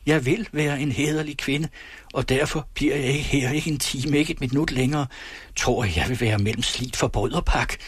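A man's voice: husky, lightly acted. A man voicing a frantic, deranged woman patient in an audiobook, shrieking and hissing. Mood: raging. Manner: shrieking, hissing, wildly pitched. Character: frantic mad woman patient, raging and pleading. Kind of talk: audiobook reading.

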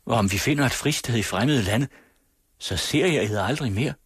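A man's voice: on the low side, husky, no echo, clean studio sound. A man voicing a distraught young woman who pleads for her father in an old storybook tale. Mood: anxious.

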